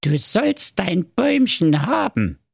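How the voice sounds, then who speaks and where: A man's voice: high voice, wildly swooping pitch, slow pace, creaky, slightly rough, no echo, clean studio sound, pitched above the performer's own voice, full character voice. A man voicing a grumpy, sly, evil male dwarf in a comic fairy tale, with a grumbling manner.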